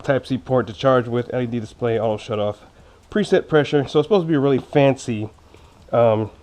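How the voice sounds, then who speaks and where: A motorcycle vlogger with braces unboxes gear in a relaxed, chatty review, joking informally and ribbing himself. His mid-range voice is fairly quick and a little mellow, slightly impeded by the braces. Clicks and other background noise come through clearly.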